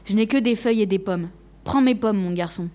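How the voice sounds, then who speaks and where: A woman voicing a gentle, loving apple tree in a storybook reading. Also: mid-range voice, a little fast, close to an everyday voice. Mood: tender.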